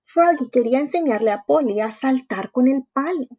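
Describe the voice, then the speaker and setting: A teacher who reads a story aloud and explains it slowly to young children. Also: female voice, high-pitched, animated, dark tone. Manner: slow, sing-song, explaining to young children. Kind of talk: reading a story aloud for a lesson.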